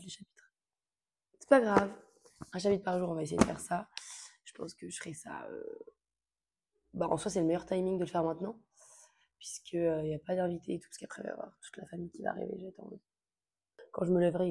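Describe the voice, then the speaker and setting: A woman's voice: on the low side, vocal fry, dark tone, a little hiss or hum. A young woman chatting casually to camera about books she wants to read, informal and full of fillers. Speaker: book vlogger.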